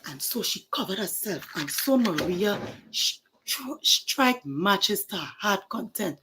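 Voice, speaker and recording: A woman telling a moral story to children, animated and dramatic, speaking to the kids directly. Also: medium pitch, slow pace, background noise.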